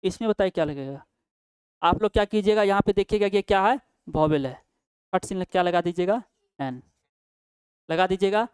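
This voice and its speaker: A man's voice: high voice, normal speed, long pauses, smooth, no room sound. A male teacher gives a grammar lesson, asking questions and answering them himself, with frequent checks like "right?". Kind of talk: Hindi-language English grammar lesson.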